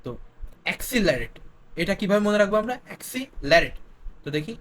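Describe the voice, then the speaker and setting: A young Bangladeshi man with a light, high voice teaches a spelling lesson for exam prep. He spells each word letter by letter and keeps asking questions to reinforce his points, talking fast with wide pitch swings and a slightly bright tone.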